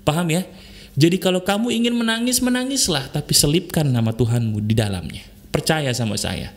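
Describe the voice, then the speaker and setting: A man's voice: a little high, lively intonation, a little fast. A man hosting a motivational podcast, talking earnestly and coaxingly to listeners, repeating his key points. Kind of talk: heartfelt motivational talk.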